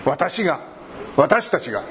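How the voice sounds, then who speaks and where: A man's voice: fairly high pitch, very animated, a little slow, slight background noise. A man preaching a sermon. He talks animatedly, cracks jokes and acts out short everyday conversations. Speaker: pastor.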